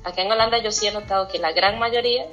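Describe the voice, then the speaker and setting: A woman from Costa Rica with a Costa Rican accent, a guest telling stories in an animated, chatty way. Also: mid-range voice, fast talker, lo-fi sound, soft background music. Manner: animated storyteller, laughs often. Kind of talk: casual conversation.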